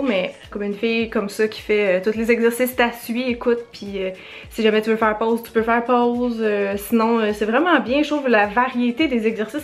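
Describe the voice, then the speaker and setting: A young woman with a Québécois French accent, chatting casually to the camera in her home studio, rambling and self-deprecating, often laughing at herself. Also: fairly high pitch. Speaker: vlogger. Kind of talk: casual vlog chat to camera.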